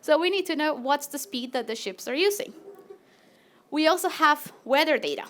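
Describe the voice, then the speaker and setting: Presenting her research to a live audience in a PechaKucha talk, a woman speaks with a Latin American Spanish accent in a high, bright voice. She sounds friendly and animated at normal speed, occasionally using a filler or restarting a phrase.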